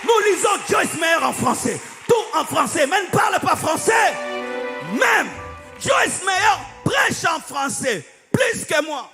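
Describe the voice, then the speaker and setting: A man preaches a fiery sermon, shouting and half-singing his lines. His voice sits very high with a gravelly edge and a bright, tense tone. He sounds like he is in a large hall with long reverb and faint music behind. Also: sing-song, slow, a faint crowd. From DR Congo. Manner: fiery preaching, often shouting and sing-song. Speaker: pastor.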